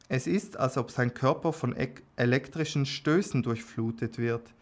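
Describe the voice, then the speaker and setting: A man reading an erotic story aloud in a calm, unhurried way, with small slips and restarts. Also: mid-range voice. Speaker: narrator.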